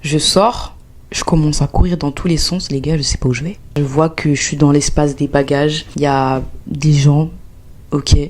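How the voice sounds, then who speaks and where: A young woman from France telling a travel story as a vlog, replaying her own panic in a high voice. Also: fairly even intonation, normal speed, a little mellow. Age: young adult. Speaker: vlogger.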